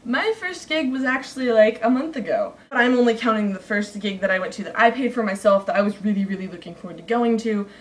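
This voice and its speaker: A young woman gushing excitedly to camera in a survey vlog, heard a little away from the mic. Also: a little high, fast, few pauses, far from the mic. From United States. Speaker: YouTuber.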